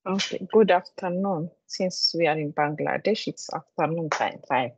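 A man's voice: a little high, normal speed, vocal fry, husky, no echo. A man from Ethiopia working as an ICT specialist, briefly introducing himself on a webinar in a matter-of-fact way over a video call. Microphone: video call microphone. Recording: dry, dull video call audio.

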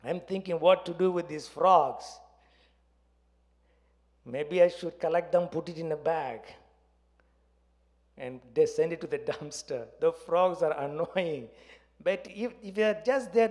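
A South Indian man preaches from a church stage into a handheld microphone. His voice sits high for a man, with a South Indian accent shaped by his native Tamil. He delivers the sermon conversationally, in short, broken phrases. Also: a little mellow. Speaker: pastor. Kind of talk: conversational sermon with personal anecdotes.

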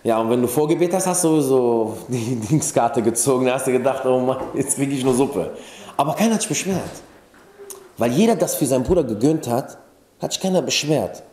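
A male preacher gives a relaxed, conversational sermon and tells everyday stories in between. His voice sits in a middle register. The recording rings with the echo of a reverberant room. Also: medium pitch, fairly quick. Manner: casual storytelling with Arabic religious terms. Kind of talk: informal sermon. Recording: echoey room.

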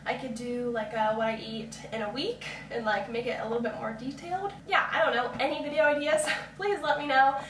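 A woman's voice: high voice, fairly quick, few pauses, background noise. A nineteen-year-old woman chatting casually in a vlog from home, full of fillers. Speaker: vlogger. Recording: echoey room, mic far off.

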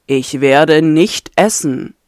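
Brooding male captive read by a woman, low and slow, storybook audiobook. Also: a little mellow, clear, resonant tone, no room sound, studio quality. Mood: urgent, brooding. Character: troubled young male prisoner, desperate and brooding.

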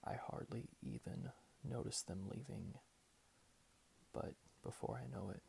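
Very creaky whispering man, slow ASMR pep talk. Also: lowish voice, slight background noise. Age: 20s. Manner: slow, deliberate, hushed, with long pauses. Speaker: ASMR creator reading positive affirmations. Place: small bedroom at home, indoors.

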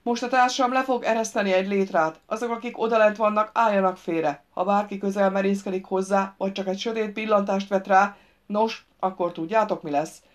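A woman reading an audiobook, voicing a hard, menacing male thief who shouts threatening commands in a raised voice. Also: mid-range voice, lightly acted.

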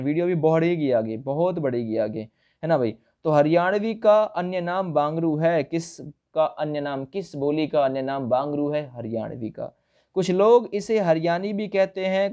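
A man's voice: on the high side, darkish tone. A man teaching an exam-prep lesson, posing quiz questions and repeating each point with reminders to remember it. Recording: dull lo-fi sound.

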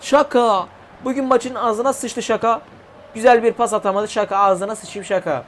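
Young male gamer, high voice, excitable commentary of his own match, shouts at goals. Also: normal speed, a little hiss or hum. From Turkey. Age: 20s. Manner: excitable, yelling player names at goals, swearing at the game. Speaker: gaming YouTuber. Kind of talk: live mobile football game commentary.

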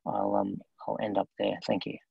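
A man presenting remotely over a video call whose degrading stream drops out, speaking in a halting way with many restarts. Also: lowish voice, little pitch movement, creaky, slightly rough, no echo, lo-fi sound. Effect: degrading stream audio that drops out. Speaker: remote presenter at an investor briefing. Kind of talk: formal briefing talk.

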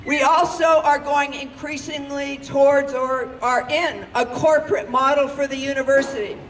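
A middle-aged woman delivers a rousing protest speech on an open campus lawn. Her high voice comes through a PA speaker. It is picked up from some distance, with a faint hiss underneath. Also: steady tone, moderate pace, echoey room. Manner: impassioned, rousing oratory. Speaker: faculty speaker at a rally. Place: outdoor campus lawn rally. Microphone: handheld mic through a PA speaker. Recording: distant PA sound outdoors with noise.

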